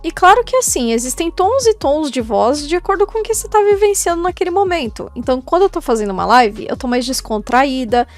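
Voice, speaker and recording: A young woman in her twenties with a high voice, talking straight to her viewers in a relaxed vlog. She speaks candidly and chattily, in a confiding tone, as faint music plays underneath. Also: a little fast, hardly any pauses. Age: 20s. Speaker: YouTuber and cosplayer. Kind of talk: casual vlog monologue.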